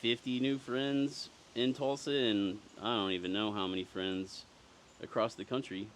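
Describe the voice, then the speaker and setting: A man's voice: mid-range voice, steady tone, moderate pace, a little hiss or hum. A man in his thirties, an amateur ballplayer, speaking sincerely and thoughtfully in an interview. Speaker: amateur baseball player. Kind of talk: reflective interview.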